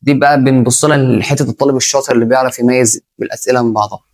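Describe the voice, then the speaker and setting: A man's voice: medium pitch, steady tone, rapid-fire. A man with an Egyptian Arabic accent teaching an English grammar lesson, talking straight to the student and repeating key points.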